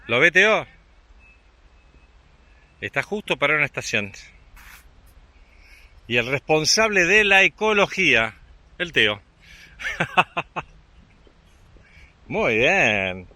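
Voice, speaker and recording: An Argentine father and vlogger narrates a family walk along a rural trail, chatting upbeat in Argentine Spanish and cheering on his young son. His slightly high voice is sing-song and sharp, slow with frequent pauses, and has no echo.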